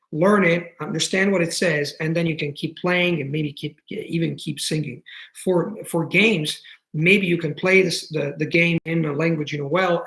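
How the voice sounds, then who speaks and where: Poor audio captures a fairly high, fairly bright male voice with an Italian accent, belonging to a man in his thirties. Fielding viewer questions during a relaxed live stream, he keeps restarting and filling pauses as he thinks aloud, sounding enthusiastic and explanatory.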